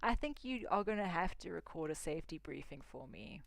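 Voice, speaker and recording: A woman's voice: on the low side, lively intonation, brisk, gravelly, dry recording. A young woman chatting casually as she plays a video game, often dropping into whispered asides. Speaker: gaming streamer. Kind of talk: casual gameplay commentary.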